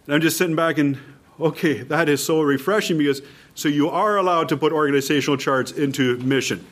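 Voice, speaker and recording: This Canadian-accented mission leader instructs a workshop group informally, hammering home and restating his main points with emphasis. He sounds a little high-pitched and talks fairly quickly.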